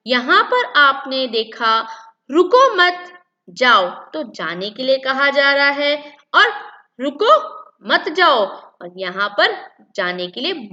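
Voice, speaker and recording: Woman teacher, high bright voice, slow and deliberate, repeats points, dull lo-fi recording. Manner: repeats key points and asks then answers her own questions. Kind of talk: classroom-style lesson for children.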